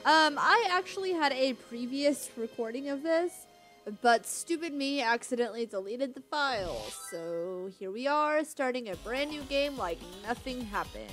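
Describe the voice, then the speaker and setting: Woman gaming commentator, lively pitch, fairly high voice, chatty, self-mocking, faint music behind. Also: normal speed. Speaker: let's play host. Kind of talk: casual game commentary.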